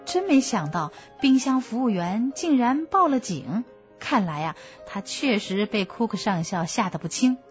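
A woman hosting a children's story program, explaining gently to young listeners. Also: on the high side, sing-song, normal speed. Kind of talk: scripted narration for children. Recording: dull lo-fi recording with music.

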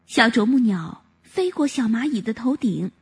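A woman narrating a children's story in an expressive, animated way. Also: on the high side, moderate pace, slightly rough.

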